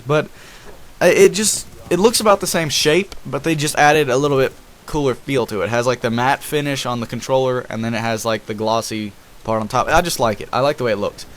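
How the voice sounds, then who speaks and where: A young man giving casual, rambling commentary over gameplay, excited and addressing his viewers directly. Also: mid-range voice. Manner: rambling and enthusiastic, talks to viewers as guys. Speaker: gaming YouTuber.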